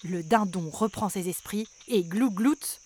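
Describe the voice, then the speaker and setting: A woman narrating a children's story in a lively, expressive way. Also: mid-range voice, a little slow, slight background noise.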